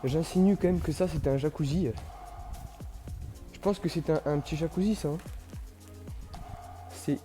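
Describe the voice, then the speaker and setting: A man with a slightly high voice gives casual exploration commentary for viewers. He is slangy and easily amazed, and music plays clearly along with him. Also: moderate pace, long pauses, mellow, reverberant. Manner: slangy, awestruck, addresses viewers. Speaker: vlog host. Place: exploring inside and around an abandoned building.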